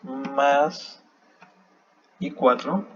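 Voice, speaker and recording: A man's voice: medium pitch, steady tone, drawn-out words, faint music behind. A man teaching a math lesson over a screen recording, thinking aloud as he checks his work. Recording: slightly dull sound with faint background noise.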